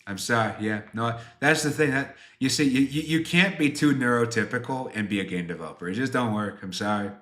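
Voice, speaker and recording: A game developer in his twenties chats casually with livestream viewers, rambling through his answers and poking fun at himself. His mid-range voice is bright and forward, fairly quick with few pauses, surrounded by a roomy echo.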